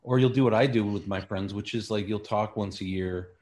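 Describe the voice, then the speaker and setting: Male interview guest, lowish voice, loose and wry conversational delivery. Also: brisk, a little mellow. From Queens, New York City. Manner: rambling, wry, peppered with like and you know. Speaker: stand-up comedian guest.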